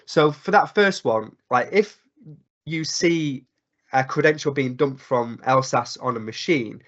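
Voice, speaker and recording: Croaky man giving a webinar demo. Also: medium pitch, measured pace. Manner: explanatory, many fillers and restarts. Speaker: webinar presenter. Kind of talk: live technical webinar demo. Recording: dull lo-fi webinar audio.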